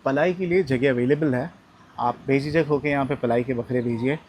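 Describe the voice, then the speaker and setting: A man's voice: mid-range voice, normal speed, a little mellow, slight background noise. A man with an Indian accent hosting a casual interview on a farm, answering with short affirmations and making friendly requests. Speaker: interviewer, video host.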